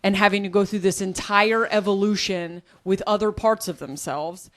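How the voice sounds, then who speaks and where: A woman's voice: mid-range voice, fairly even intonation, moderate pace. A woman guest in a casual discussion, earnestly explaining her ideas at length.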